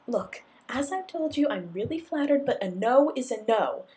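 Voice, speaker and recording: A woman voicing a shy but quick-tongued young woman barista, her voice lifted higher than her narration. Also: expressive, darkish tone, close to an everyday voice. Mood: alarmed.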